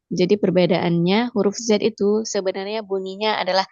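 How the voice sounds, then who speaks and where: A woman's voice: medium pitch, steady tone, darkish tone, no echo. Patient woman teaching, dull dry recording. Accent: Indonesian. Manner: patient, repeats sounds slowly for practice. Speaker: Mandarin teacher. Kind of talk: online language lesson.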